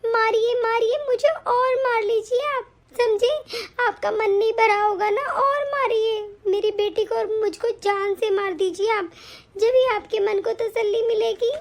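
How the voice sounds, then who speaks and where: A woman voicing a mistreated young wife and mother in an animated story, earnest, pleading and tearful. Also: extremely high pitch, measured pace. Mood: defiant.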